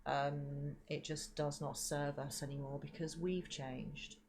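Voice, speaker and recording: A woman giving a spiritual card reading in a slow, soft, reflective way, with frequent ums and repeated words, into a desk microphone at home. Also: low voice. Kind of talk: livestreamed tarot reading.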